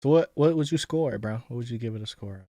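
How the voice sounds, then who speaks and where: A man's voice: mid-range voice, quick pace, mellow, no echo, clean studio sound. Laid-back slangy man chatting. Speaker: podcast co-host. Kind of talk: casual movie review chat.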